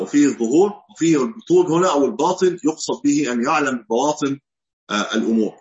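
A man's voice: mid-range voice, muffled recording. A man with an Egyptian Arabic accent giving a religious lesson, reasoning aloud and posing questions that he then answers himself. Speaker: Islamic scholar teaching hadith.

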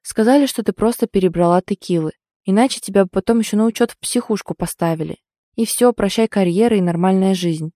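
A woman's voice: mid-range voice, fast, dark tone, dry recording, studio quality, close to an everyday voice. Woman voicing a worried, talkative young friend. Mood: alarmed.

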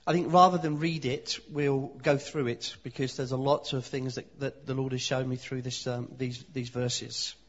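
A man from London with a London accent, preaching as a guest and pausing after short phrases for his interpreter. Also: mid-range voice, muffled recording. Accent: London English. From London, England. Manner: lively, pauses for interpreter, speaks in short phrases. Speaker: visiting preacher. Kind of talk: sermon with live interpretation.

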